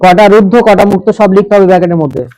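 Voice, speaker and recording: A man with a high voice teaches a grammar lesson to a classroom, breaking each point into small steps. He keeps stopping to put questions to his students. The sound is close and dry. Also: racing, darkish tone, no echo, rough recording. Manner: explains step by step, asks the class questions.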